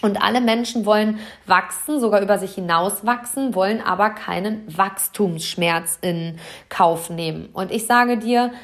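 A woman's voice: medium pitch, moderate pace, a bit bright. A woman life coach giving a motivational self-help talk, earnest and encouraging, speaking straight to the listener. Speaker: life coach and podcast host.

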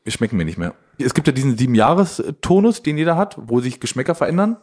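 A man co-hosting a podcast, telling a story in a rambling, halting way. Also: mid-range voice, sing-song, darkish tone. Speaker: podcast co-host. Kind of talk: casual banter.

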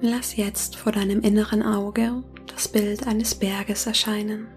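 A woman guides a meditation in a soft, breathy near-whisper, slowly and calmly with long pauses. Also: mid-range voice, soft background music. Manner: slow, calming, long pauses between phrases. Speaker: meditation guide and podcast host.

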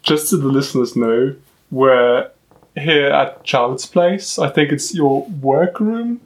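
A man hosting a casual round-table podcast chat, talking in a relaxed, thoughtful way. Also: medium pitch, slow. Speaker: podcast host.

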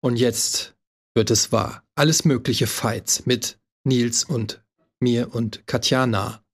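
Man moderating with deadpan dryness. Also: mid-range voice, takes it slowly, breathy edge. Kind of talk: comedic panel moderation.

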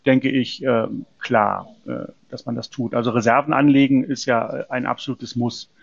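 A man's voice: medium pitch, fairly even intonation, normal speed, creaky, no echo, highs cut off. A man from a precious metals company answering interview questions in an explanatory way, often hesitating with fillers and restarts.

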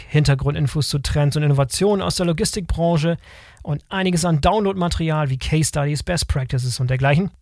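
A man's voice: a little high, a little mellow, dry recording, clean studio sound. A man hosting a podcast, chatty and jokey, laughing often as he asks questions. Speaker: podcast host. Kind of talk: podcast interview.

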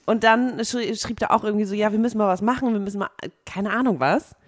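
A woman's voice: medium pitch, quick pace. Rambling young woman telling a story. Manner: rambling storyteller with fillers and laughs. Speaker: podcast co-host. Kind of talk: casual chat.

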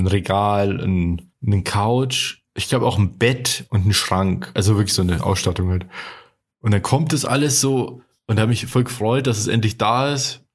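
A man co-hosting a casual podcast, telling rambling personal anecdotes full of restarts and asides. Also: on the low side. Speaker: podcast co-host. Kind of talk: casual chat.

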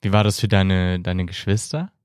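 A calm male interviewer asks relaxed questions and gives short, affirming replies. His voice is fairly low, and the sound is dry and close. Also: normal speed, clean tone, no echo. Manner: calm, brief affirming responses. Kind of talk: casual interview.

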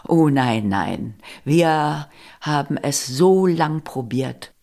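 A troubled married man speaks in hushed, halting lines, as a woman reads him out. The delivery is slow and drawn out, with a gravelly edge. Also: sits low, animated, full character voice. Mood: distraught.

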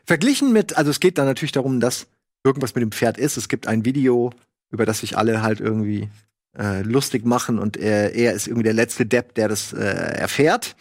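A man casually reviewing a book in a video, rambling with lots of fillers and lively asides. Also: medium pitch, no room sound, clean studio sound.

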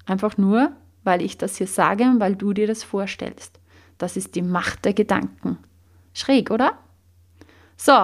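A woman coach, leading a guided body-posture exercise with slow, calm questions. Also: mid-range voice.

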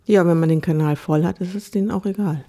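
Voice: medium pitch, quick pace, dark tone. A podcast co-host in casual chat, who agrees often and mixes up words.

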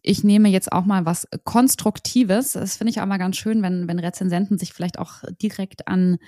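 A woman's voice: medium pitch, fairly even intonation, normal speed, warm tone, no room sound, studio quality. A woman co-hosting a podcast, chatting casually, laughing often and reading out reviews in the same easy voice. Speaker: podcast co-host.

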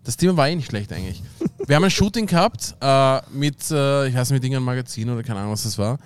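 A man's voice: mid-range voice, expressive, fast, clear, resonant tone, no room sound. Slangy Austrian man telling a story. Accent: Austrian German. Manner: rambling anecdote full of slang and fillers. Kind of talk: casual chat.

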